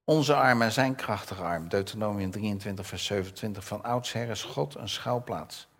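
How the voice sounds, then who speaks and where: The older preacher's voice sits on the low side, with a breathy edge and normal speed. Conversational in tone, he asks his audience questions and reads the scripture aloud in a raised voice.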